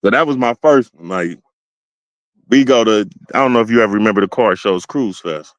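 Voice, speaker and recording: A man's voice: on the low side, fairly quick, dry recording, dull audio. A man from Ohio in casual conversation, telling stories and acting out what other people said. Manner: animated storytelling, acting out other people's lines. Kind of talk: casual chat.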